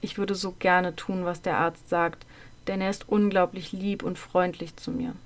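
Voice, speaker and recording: A woman tells a memoir of her own childhood in a calm, measured voice. Her sentences often sink softer toward the end. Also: lowish voice. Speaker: narrator. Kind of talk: first-person storytelling of a childhood memoir.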